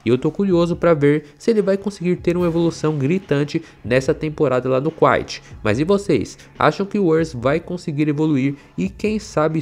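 A man presenting sports news in a scripted narration style, reading at a brisk bulletin pace. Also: on the high side. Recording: voice-over with background music.

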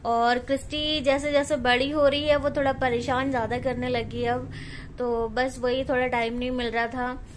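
High-voiced young woman vlogging at home. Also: little pitch movement, moderate pace, slight background noise. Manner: coos and baby-talks softly to her child. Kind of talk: casual home vlog, talking to her baby. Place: home indoors.

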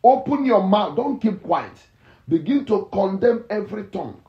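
A male pastor preaching a fervent morning sermon and prayer, repeating phrases and breaking into shouts. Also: sits high, big pitch swings, moderate pace. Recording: echoey, dull lo-fi church recording.

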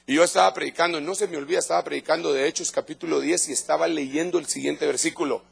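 Speaking fast with a fairly high, fairly even voice, this middle-aged Guatemalan-accented pastor has vocal fry and a breathy edge. He preaches an evangelical sermon in church, addressing the congregation emphatically yet conversationally. He often repeats words and restarts phrases.

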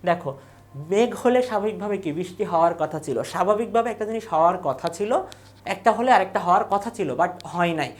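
A woman teaches an exam revision class, reading the options slowly in a list and repeating each answer. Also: lowish voice, lively intonation. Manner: reads options in a slow, falling list, then repeats the answer.

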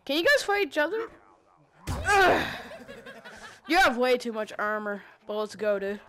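A woman giving casual gameplay commentary, excitable and swearing, making silly sound effects. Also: on the high side, a little slow, a little hiss or hum. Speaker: gamer playing on stream.

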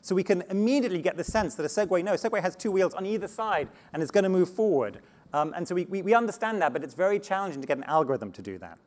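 A man giving a conference talk on slides, animated and often restarting words, speaking to a live audience. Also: high voice, rapid-fire. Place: conference stage before an audience.

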